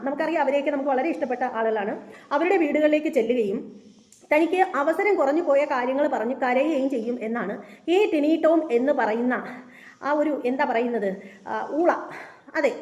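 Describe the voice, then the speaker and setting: A woman's voice: sits high, darkish tone. A woman hosting a reaction channel, delivering an indignant, scornful opinion rant with repeated points and many fillers.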